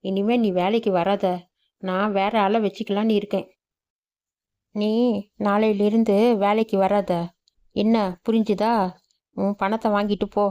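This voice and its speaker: A woman's voice: mid-range voice, little pitch movement, unhurried, pauses often, darkish tone, clear, resonant tone, lo-fi sound, lightly acted. A woman voicing a stern, impatient employer woman who talks curtly and dismissively. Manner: curt and dismissive.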